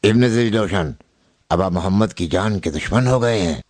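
A man's voice: deep voice, normal speed, a little mellow, dry recording. An actor playing an anxious middle-aged father in a dubbed historical drama, worried and pleading.

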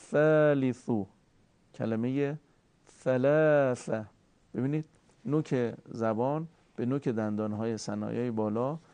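Man, recitation teacher, polite formal lesson, warm mellow voice, dry close sound. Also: medium pitch, no room sound. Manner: courteous, slow and deliberate, drawing out sounds to demonstrate.

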